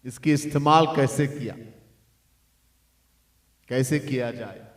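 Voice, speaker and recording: A medium-pitched man races through a devotional discourse as a swami, earnestly repeating his key points and at moments breaking into sung chanting of verses. The temple hall is echoey and the microphone placed at a distance.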